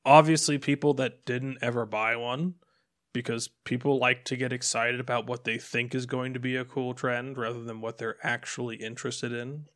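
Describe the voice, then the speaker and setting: Animated male motorcycle podcast host. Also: mid-range voice, normal speed. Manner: animated, acts out quotes, restarts often. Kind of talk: casual chat.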